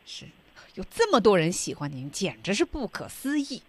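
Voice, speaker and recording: Lively-pitched female radio lesson co-host. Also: normal speed. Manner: encouraging, prompts listeners to practise.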